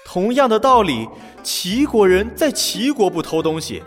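A composed, quick-witted ancient envoy, as a man puts him on. He speaks slowly and deliberately, his fairly high voice rising and falling widely. A long reverb and faint music sit behind him. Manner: calm, measured, drawn-out pauses. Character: short, witty, unflappable ancient court envoy. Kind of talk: children's story audio drama.

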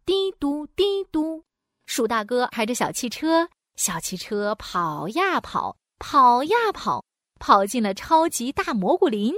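A woman narrating a children's storybook in an animated, sing-song way, with playful sound words. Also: fairly high pitch, measured pace, no room sound, clean studio sound.

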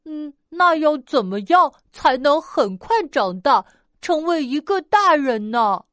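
A high, childlike bear cub, voiced by a woman in a storybook, impatient and whiny with longing to grow up. The delivery is slow and drawn out, in a dry, close sound. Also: sing-song, no echo. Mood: pleading.

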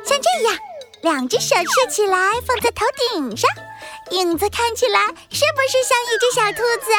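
Childlike little crocodile, extremely high squeaky voice, exclamatory, excitable, children's audio story, music underneath. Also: normal speed. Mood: excited, playful. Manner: exclamatory, bubbly.

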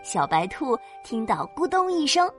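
A woman telling a children's story as a mother, playful and animated, with sound words. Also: high-pitched, normal speed. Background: children's background music.

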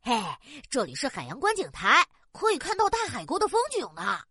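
Little cartoon fish, chirpy n friendly, bouncy high voice, coaxing. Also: female voice, wildly swooping pitch, fairly quick, sharp tone, dry recording, studio quality, full character voice. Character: small cheerful, coaxing pilot fish, the shark's friend. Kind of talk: children's cartoon voice acting.

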